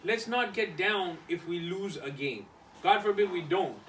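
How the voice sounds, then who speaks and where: High-voiced man giving an emphatic team pep talk. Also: animated, measured pace, fairly bright tone. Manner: emphatic, repeats short phrases. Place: echoey indoor room, locker room. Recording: roomy, distant mic, background noise.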